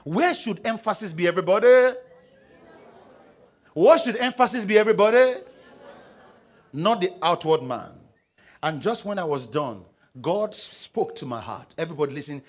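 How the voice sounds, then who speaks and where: A young Nigerian pastor preaching from a church stage, his fairly high voice leaping up and down as he calls out to the congregation. The tone is a bit husky, and he swings between loud stressed lines and quiet asides while pacing with a handheld mic. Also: lively intonation, moderate pace, long pauses. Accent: Nigerian English. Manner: call-and-response preaching, prompting the congregation to read aloud. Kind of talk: sermon. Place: large church auditorium stage.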